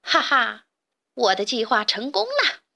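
Woman doing a loud gleeful weasel bandit boss, mocking laughs, storybook villain, kinda high voice. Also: very animated, measured pace, gravelly, heavily acted. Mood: gloating. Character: sly male weasel bandit chief, gleeful.

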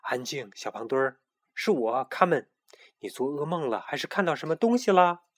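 一个男人给一只冷静懂事、不信邪的小母鸡配音，语气温和安抚。. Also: male voice, mid-range voice, fairly quick, breathy edge, no room sound, studio quality. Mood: calm. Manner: gentle, soothing, matter-of-fact. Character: calm sensible young hen, skeptical.

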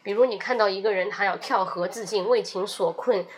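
A young woman teaching beginner English phrases, repeating each one with lively, emphatic drilling and explaining them in between. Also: mid-range voice, a little fast, slight background noise. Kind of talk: beginner language lesson.

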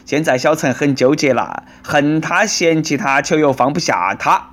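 A man with a Nanchong Sichuanese accent riffs on the news in a sarcastic, teasing tone. His voice sits a little higher than most men's. He talks to his listeners as if chatting with friends. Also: normal speed, fairly bright tone. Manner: sarcastic, bantering. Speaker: comedic news commentator. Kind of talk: comic news commentary.

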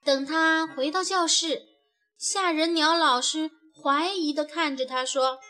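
Brief: a woman reading a children's story, gentle and expressive, slow and high, faint music behind. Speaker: narrator.

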